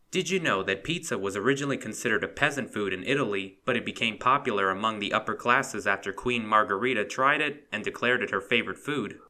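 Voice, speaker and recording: Guy reading trivia off a script, super bright sharp tone, dry little quips. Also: on the low side. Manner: brisk delivery with dry sarcastic asides. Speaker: fun-facts video narrator. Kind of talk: scripted narration.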